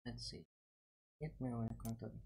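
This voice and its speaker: A man's voice: mid-range voice, moderate pace, gravelly, warm tone, slightly rough. A man from Indonesia, chatting casually to viewers during a game stream, reassuring them and repeating short phrases. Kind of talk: casual gaming live stream chat.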